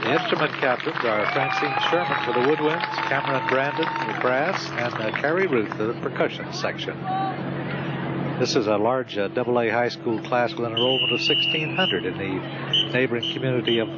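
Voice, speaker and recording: Chatty american guy calling a parade, muffled lo-fi sound, loud crowd all around. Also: mid-range voice, brisk, heavy background noise. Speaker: parade broadcast commentator. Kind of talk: live event commentary. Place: outdoors at a street parade. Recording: dull lo-fi, loud band music and crowd. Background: loud music and crowd.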